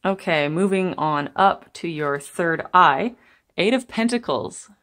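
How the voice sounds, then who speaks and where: With a lowish voice, this young woman delivers an animated but slow pick-a-card tarot reading to her viewers from a table indoors. She's chatty and gentle, drifting off on tangents and laughing while she talks.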